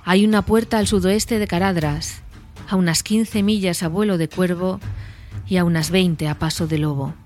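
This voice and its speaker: A woman's voice: fairly low pitch, steady tone, normal speed, darkish tone, faint music behind, close to an everyday voice. Gandalf, a woman reading a grave old wizard.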